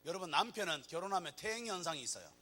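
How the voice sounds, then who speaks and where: A man's voice: high voice, racing. A man with a Gyeongsang accent preaching a sermon as pastor, joking and acting out little scenes as he goes. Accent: Gyeongsang Korean. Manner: animated, joking preacher who acts out scenes.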